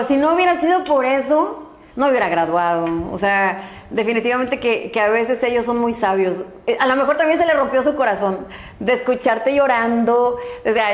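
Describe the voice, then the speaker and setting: A middle-aged woman with a Mexican accent tells her life story, animated and laughing as she acts out other people's voices. Her voice sits high. The room around her is roomy and echoing. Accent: Mexican Spanish. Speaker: guest, doctor and school director. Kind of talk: storytelling interview. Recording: echoey room.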